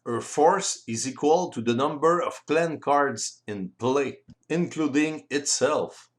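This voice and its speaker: Speaking non-native English in a mid-range voice, a French-accented man, a native French speaker, carefully and deliberately narrates a tutorial explaining board game rules.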